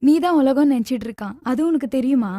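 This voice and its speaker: Actress as a dark-voiced pleading mother. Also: high-pitched, quick pace, no echo, clean studio sound, lightly acted. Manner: pleading, emotional. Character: tender, anxious middle-aged mother. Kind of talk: Tamil film dialogue.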